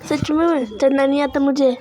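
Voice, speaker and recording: A woman's voice: high voice, fairly even intonation, normal speed, a little mellow. A woman narrating her own vlog in a chatty, self-mocking way. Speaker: vlogger. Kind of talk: casual vlog voice-over.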